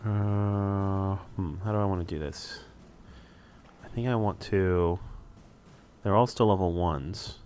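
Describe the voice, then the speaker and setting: A man's voice: sits low, slow pace, darkish tone, a little hiss or hum. A man casually commenting on a strategy game as he plays, thinking aloud with wry asides. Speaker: let's play host.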